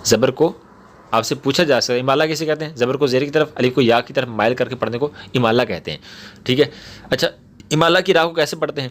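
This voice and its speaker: Patient man teaching a reading lesson. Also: medium pitch. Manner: patient, repeats points and checks with "ٹھیک ہے؟"; slows down to spell words out syllable by syllable. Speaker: Quran teacher. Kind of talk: explaining a lesson step by step.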